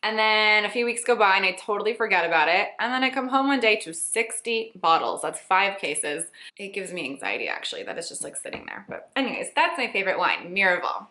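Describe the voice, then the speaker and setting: A woman in her late twenties, a lifestyle blogger chatting through a casual rapid-fire Q&A with a playful, self-teasing manner. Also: medium pitch, big pitch swings, sharp tone, echoey room. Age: late 20s.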